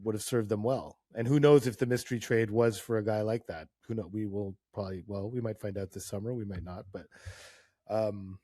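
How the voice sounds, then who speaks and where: A man co-hosting a hockey podcast, animated and chatty, often restarting phrases as he tells a story. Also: lowish voice, brisk, no echo. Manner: animated storyteller, laughs, stammers. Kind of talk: casual chat, storytelling.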